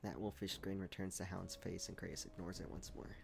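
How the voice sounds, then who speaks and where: Deep, creaky-voiced male game streamer. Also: level tone, fairly quick. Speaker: game livestreamer. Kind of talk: reading game narration aloud and casual stream commentary. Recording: game music behind.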